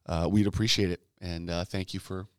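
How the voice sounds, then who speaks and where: A man's voice: sits low, steady tone, brisk, clean tone, dry recording, clean studio sound. A man co-hosting a trade podcast, joking easily with his partner and plugging the show to listeners. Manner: joking, easygoing, plugs the show. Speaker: podcast co-host. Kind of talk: casual podcast banter.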